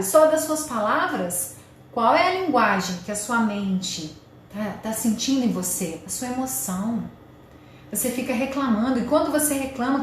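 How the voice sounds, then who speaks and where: A woman giving marriage advice straight to the viewer, in an earnest, coaching way. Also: high-pitched. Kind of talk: direct-to-camera advice talk. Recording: very echoey room with faint noise.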